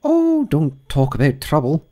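A man voicing an ugly, chummy old noblewoman who finds a moral in everything, in a high, drawn-out, sing-song voice. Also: wildly swooping pitch, warm tone. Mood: gushing, moralizing.

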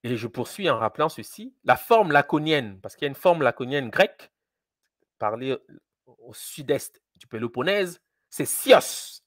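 A man's voice: medium pitch, animated, normal speed, a bit bright, dry recording, clean studio sound. A man giving a lecture in a teaching tone, emphatic, repeating key words and often restarting his sentences. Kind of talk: recorded lecture.

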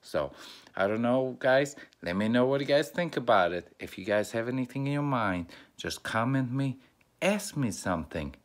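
A man from North Macedonia with an Albanian accent, talking casually and haltingly, with many fillers and restarts. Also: mid-range voice, animated. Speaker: YouTuber. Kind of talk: casual race preview monologue.

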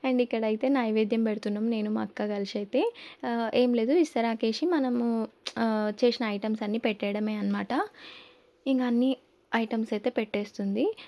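A young woman narrates a family vlog. Her voice sits a little high and sounds mellow and warm. She talks in a soft, reflective way, often trailing off with fillers. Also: fairly even intonation, normal speed. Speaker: family vlogger. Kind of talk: casual vlog voice-over narration.

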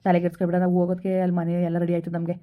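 A woman's voice: lowish voice, rapid-fire, close to an everyday voice. A woman playing soothing young lover Sharath. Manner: soothing, urging calm, repeating himself. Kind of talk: village skit acting. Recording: dull lo-fi recording.

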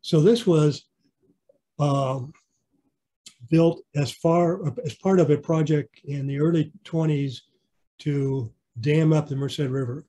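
A man's voice: fairly high pitch, steady tone, takes it slowly, warm tone. A man giving a casual online slideshow clinic about his model railroad, rambling with fillers and restarts. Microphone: video call.

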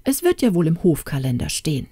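A woman's voice: low voice, huge pitch swings, brisk, mellow, slightly rough, no room sound, clean studio sound, exaggerated voice. A woman doing a vague, forgetful old king. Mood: absent-minded. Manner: vague, hesitant, muttering. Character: forgetful, absent-minded old king, fussy. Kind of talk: storybook reading.

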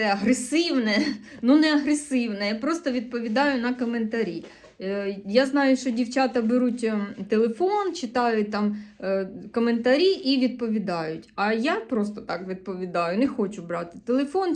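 A fairly high, darkish female voice belongs to a vlogger from eastern Ukraine with a Sumy accent. She addresses the camera casually, rambling and self-correcting. Her replies to comments are earnest and slightly defensive.

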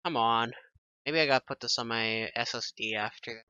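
A man giving relaxed, offhand commentary while playing a video game. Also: mid-range voice, normal speed, dull audio, a little hiss or hum. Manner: relaxed, offhand remarks with fillers. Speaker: gameplay streamer. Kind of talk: casual gameplay commentary.

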